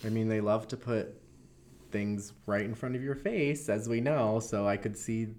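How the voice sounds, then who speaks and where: Very low-voiced woman podcast co-host. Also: measured pace, darkish tone. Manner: laid-back, trailing sentences, many "like" fillers. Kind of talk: casual chat.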